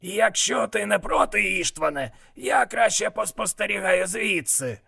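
A man's voice: sits high, animated, a little slow, vocal fry, bright, forceful tone, breathy edge, pitched above the performer's own voice, heavily acted. A man doing a wary, hissing imp henchman. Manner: grumbling, hissing.

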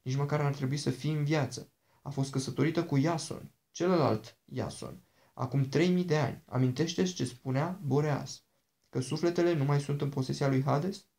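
A man's voice: fairly high pitch, a little mellow, close to an everyday voice. A man voicing a frustrated teenage girl who speaks in an urgent, insistent way.

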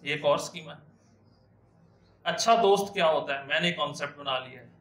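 A man's voice: fairly high pitch, a little fast, a bit bright. A middle-aged man, lecturing a class as a professor, explaining with everyday examples, asking rhetorical questions and slipping in English terms. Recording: echoey room.

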